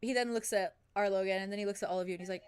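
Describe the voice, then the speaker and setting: A woman's voice: medium pitch, steady tone, very fast, a little mellow. A woman narrating as game master of a tabletop game, laughing often as she describes characters.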